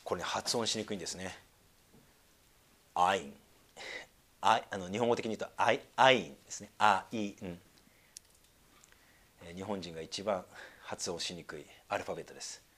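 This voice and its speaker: A man giving a sermon, moving between quiet, low asides and emphatic, slow readings of scripture. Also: slightly rough. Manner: wide swings between hushed asides and emphatic raised reading; slows down to read scripture deliberately. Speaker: pastor.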